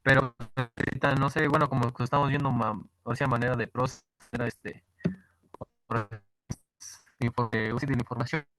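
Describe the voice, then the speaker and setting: A man's voice: medium pitch, steady tone, moderate pace, fairly bright tone, no echo, low-quality recording. A man, a graduate student asking hesitantly during an online class. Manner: hesitant, full of fillers. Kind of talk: classroom question on a video call. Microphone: video call.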